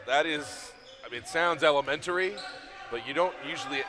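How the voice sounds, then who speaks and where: A man calling high school basketball play-by-play, chatty and joking between plays. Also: a little fast. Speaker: play-by-play commentator. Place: high school tournament gym.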